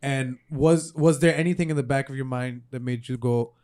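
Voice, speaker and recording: A man's voice: medium pitch, a little fast, a little mellow, clear, resonant tone. A man hosting a casual interview with a band. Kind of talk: casual chat.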